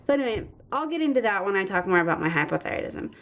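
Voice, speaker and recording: A woman's voice: medium pitch, sing-song, very fast, a bit bright. A young adult woman vlogging to camera, talking casually and sounding frustrated and emotional, with lots of fillers. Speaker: vlogger documenting her recovery.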